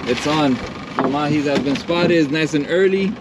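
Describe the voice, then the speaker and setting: A man's voice: a little high, measured pace. A man in his thirties, a travel vlogger hosting casually to camera in an upbeat, easygoing way from a small boat at sea. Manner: upbeat, easygoing, switches to English for viewers. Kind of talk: casual vlog narration to camera. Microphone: action camera. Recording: loud wind and boat noise.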